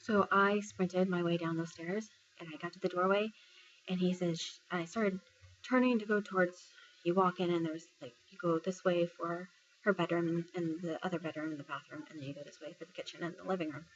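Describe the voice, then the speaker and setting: A Texas woman in the military speaks fairly quickly in a fairly low voice with fairly even intonation as she retells a personal story for a casual vlog. She chats with lots of fillers and quotes what others said. The recording is muffled with slight background noise.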